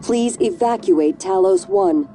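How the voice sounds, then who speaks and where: A woman voicing a calm female station computer that gives slow, measured evacuation warnings in a video game. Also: a little high, creaky, background noise, exaggerated voice. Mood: calm alert. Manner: slow, measured, repeated alert phrasing.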